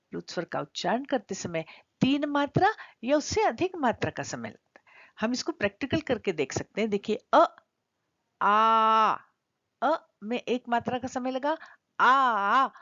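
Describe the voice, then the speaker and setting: A middle-aged woman teaches Sanskrit grammar in a video lesson, explaining step by step and drawing out vowel sounds to show their length. Her voice is on the high side, with no echo, and the recording sounds dry and slightly dull, with a lo-fi quality.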